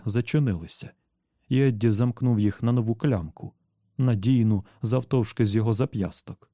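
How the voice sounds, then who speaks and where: Reading scripted narration for an audiobook, a man tells the story in a steady, measured way. His voice sits in the mid-range, and the clean studio recording has no room sound.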